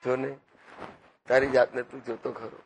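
A man giving a devotional discourse, teaching through slow, repetitive parables and acted-out quotes. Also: medium pitch, level tone, a little hiss or hum. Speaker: spiritual speaker.

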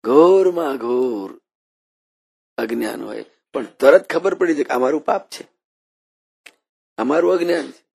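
A man delivers a devotional sermon in a rough, gravelly voice with a breathy, husky edge. He moves between storytelling, quoted voices and recited verses. His volume climbs high and falls away again. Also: expressive, a little slow, pauses often. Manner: storytelling with quoted voices and Sanskrit verses, dynamic swings in loudness. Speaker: preacher.

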